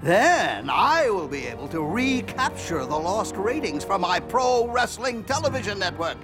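Man doing a cackling wrestling-manager mad scientist, gloating, slow and swooping, music behind. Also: high voice, big pitch swings. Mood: scheming. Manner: gloating, theatrical, frequent cackling. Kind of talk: comedic audio drama acting.

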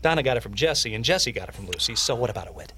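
A man's voice: medium pitch, very animated, rapid-fire, background noise, close to an everyday voice. A man playing a sheepish, nosy friend. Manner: hesitant, evasive. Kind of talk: radio drama acting.

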